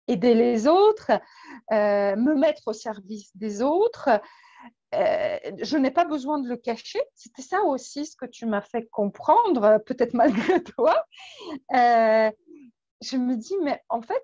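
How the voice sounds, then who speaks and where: Polish-accented woman, slow and hesitant. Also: fairly high pitch, dark tone, no room sound, lo-fi sound. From Poland. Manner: hesitant, many fillers and restarts. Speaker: guest coach. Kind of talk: casual interview.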